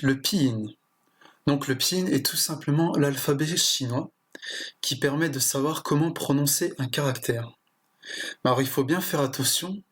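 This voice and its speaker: A man teaching a language lesson in a plain explanatory way, often pausing with fillers and restarting his sentences. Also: mid-range voice. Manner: hesitant, with frequent fillers and restarts.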